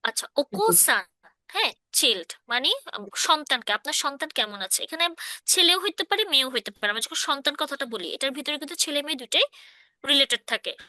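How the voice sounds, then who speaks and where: A woman teaches a relaxed online language class, checking often that her listeners keep up. Her voice sits high and sounds bright and clear. The recording is close and dry. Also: fairly quick, dry recording. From Bangladesh. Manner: explains patiently, often checking understanding. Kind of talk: casual online class explanation.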